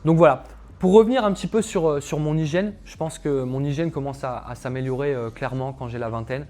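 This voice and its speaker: This young male calisthenics coach has a medium-pitched, dark voice and a fairly quick delivery. He recounts his personal story to the camera in a loose, conversational style, with frequent fillers and asides to the audience.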